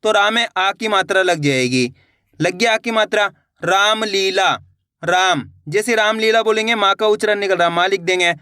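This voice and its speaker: Bright-voiced reading teacher. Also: male voice, high-pitched, smooth, no room sound, clean studio sound. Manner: addresses viewers as friends, drawn-out syllable-by-syllable reading. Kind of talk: slow spelled-out reading lesson.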